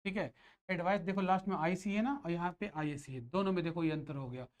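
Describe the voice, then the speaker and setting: A man's voice: high-pitched, quick pace. A man teaching grammar, firing questions at students and answering them himself. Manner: asks and answers his own questions. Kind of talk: classroom lecture.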